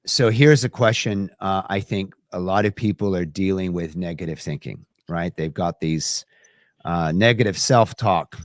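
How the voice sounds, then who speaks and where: A man hosting an interview, asking measured questions and murmuring agreement. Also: low-pitched, dry recording, clean studio sound. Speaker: interview host. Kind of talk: conversational interview.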